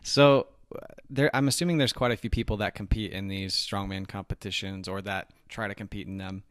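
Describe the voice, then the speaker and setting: A man in his thirties hosting a podcast, asking halting questions in an easygoing way and laughing often. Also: fairly low pitch, steady tone, dry recording, clean studio sound. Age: 30s. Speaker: podcast host. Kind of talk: casual interview.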